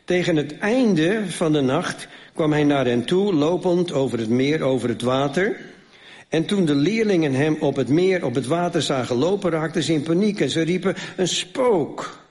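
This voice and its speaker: A man delivers a sermon, his voice sitting a little high. He reads Bible passages aloud, asks the congregation rhetorical questions, and moves between raised emphasis and hushed moments. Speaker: preacher.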